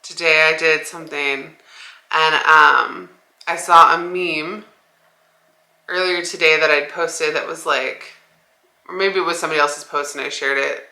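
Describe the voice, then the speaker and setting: A woman's voice: deep voice, fairly even intonation, measured pace, gravelly, pushed and bright, echoey room. A young woman talking casually to her camera in a vlog, rambling with many "like" fillers. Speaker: vlogger. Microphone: small 360 camera.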